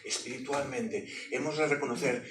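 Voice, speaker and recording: A man's voice: mid-range voice, moderate pace, loud music behind the voice. A man giving his testimony as a sermon, telling it with jokes and sound effects. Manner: animated, joking storyteller with sound effects. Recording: echoey hall, mic from a distance.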